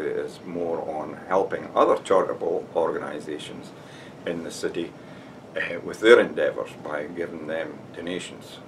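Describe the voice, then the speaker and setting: An older Scottish man with a Dumfries accent, a member of a society, gives an informal talk to camera in a room with shelves and flags behind him. His rumbling, low, gravelly voice explains things steadily, often opening with "now" or "uh". The audio is poor, with the mic far away and slight background noise.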